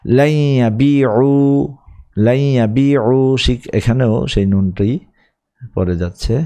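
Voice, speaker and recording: A man with a Bangladeshi Bengali accent teaching an Arabic grammar lesson, reciting verb forms slowly, then explaining them briskly. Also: low-pitched, dark tone.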